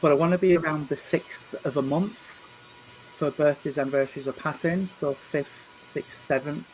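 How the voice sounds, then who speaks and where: A man, working as a medium and giving a spirit reading at a church service. He speaks gently and reassuringly, often stumbling over and repeating his words. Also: fairly high pitch, fairly even intonation, normal speed, faint music behind, poor audio. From England. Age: 50s. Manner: hesitant, repeats and restarts words.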